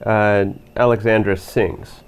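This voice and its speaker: A man's voice: on the low side, flat delivery, takes it slowly, clear, resonant tone. Laid-back rambling man, podcast co-host. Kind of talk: casual film review chat.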